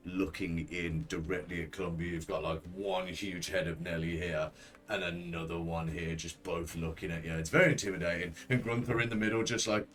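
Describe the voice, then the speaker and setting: A man acting as game master, narrating a tabletop role-play game in halting, searching descriptions. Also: sits low, steady tone, a bit bright.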